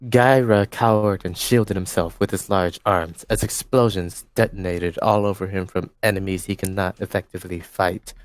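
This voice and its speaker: A young man narrates fan fiction for a group reading from his home mic on a voice call. His voice is fairly low and his delivery stays steady. He stumbles now and then and corrects himself. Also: normal speed, hardly any pauses, dry recording. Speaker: host and narrator.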